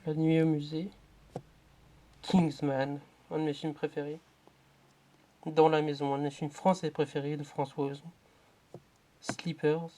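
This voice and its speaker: Flat-voiced man listing off his DVDs. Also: on the high side. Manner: rattles off titles with quick offhand asides. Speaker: vlogger showing his DVD collection. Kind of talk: casual running commentary.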